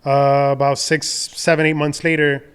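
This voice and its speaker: A young adult man from the Dominican Republic, a podcast guest telling his career story in a relaxed, rambling way with many fillers and restarts. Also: on the high side, normal speed, smooth. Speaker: podcast guest, designer and entrepreneur. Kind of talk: casual conversational storytelling.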